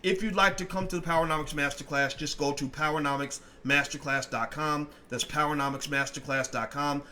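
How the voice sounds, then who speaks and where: Male podcast host, higher-pitched and sharp, blunt and emphatic, slight toothy sound from dental work. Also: fairly even intonation, a little fast, few pauses, a little hiss or hum. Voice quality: odd sibilant sound in teeth from dental work. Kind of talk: opinionated monologue to camera.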